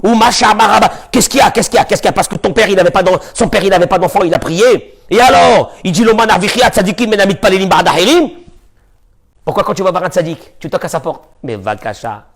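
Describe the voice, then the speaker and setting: A man who is a rabbi, giving a lively sermon, with sudden shouts and low asides. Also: fast talker, gravelly, slightly rough. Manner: animated, shifts between shouting and muttering.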